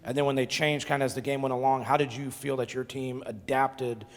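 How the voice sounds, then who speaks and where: A man asks questions as a sports reporter at a press conference. His pitch is average. Long room reverb trails his words. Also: little pitch movement, brisk.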